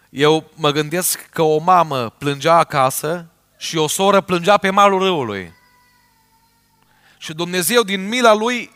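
Emphatic high-voiced male preacher. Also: dry recording, studio quality. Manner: emphatic, with sudden swings between loud and quiet and frequent rhetorical tags. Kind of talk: sermon. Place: church.

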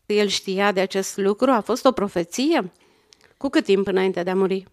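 A woman interviewer calmly guiding a conversation with reflective questions. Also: medium pitch. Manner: calm and reflective, steering the conversation.

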